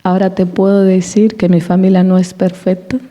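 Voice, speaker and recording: Woman, church testimony, animated storyteller, warm dark tone, long hall reverb. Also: fairly low pitch, moderate pace. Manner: animated storytelling, acting out quoted dialogue; laughs between anecdotes. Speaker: church speaker giving a testimony. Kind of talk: personal testimony in a church service.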